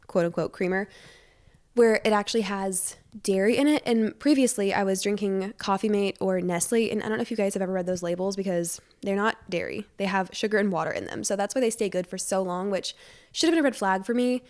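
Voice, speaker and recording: Woman podcast host, mid-pitched, congested nose, bubbly and rambling, chatty delivery with self-deprecating humor. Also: brisk, darkish tone. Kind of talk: casual chatty solo podcast. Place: living room at home. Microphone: wired podcast microphone.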